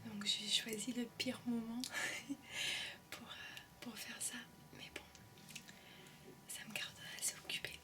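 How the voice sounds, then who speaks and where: In a soft, hesitant whisper packed with ums and euhs, a young adult ASMR creator rambles in French with an English-tinged accent, having grown up in English-speaking countries. She's in shared student housing, her slightly high voice flat and slow, captured by a distant mic.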